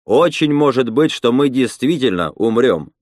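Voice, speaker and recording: A man reading a story, voicing a male leader who gives a deliberate, measured speech. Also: mid-range voice, lively intonation, dry recording, clean studio sound, close to an everyday voice. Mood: grave. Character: male rebel leader Roman, grave measured orator.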